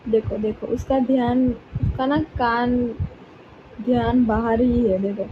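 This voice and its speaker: A woman's voice: a little high, steady tone, slow, lo-fi sound, a little hiss or hum. Chatty woman vlogger on a phone. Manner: coos baby talk to a pet dog. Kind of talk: casual vlog chat.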